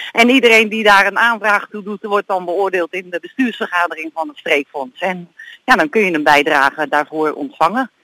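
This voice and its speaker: A woman calls in to a radio interview while she walks outdoors. Her voice is bright and forward, dry and close to the mic. She chats eagerly, with plenty of hesitations. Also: medium pitch, moderate pace, no room sound, low-quality recording. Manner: chatty and enthusiastic, frequent hesitations. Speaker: guest from a regional fund. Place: outdoors, on a walk.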